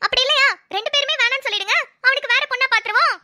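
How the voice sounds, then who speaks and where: A woman doing Nimmadhi, a squeaky scheming girl. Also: rapid-fire, bright, forceful tone, full character voice. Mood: bossy. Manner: mischievous, bossy teasing. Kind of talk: cartoon voice acting.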